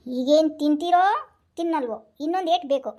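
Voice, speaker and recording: A woman's voice: sits high, quick pace, warm tone, lo-fi sound, close to an everyday voice. A woman voicing a bossy young wife in a Kannada cartoon, with a North Karnataka accent, scolding and coaxing by turns. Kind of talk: cartoon voice acting.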